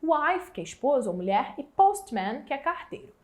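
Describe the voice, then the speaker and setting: Teaching English for exam prep, a woman from Brazil with a Brazilian Portuguese accent slowly stretches the example words, her high-pitched voice swinging widely in pitch.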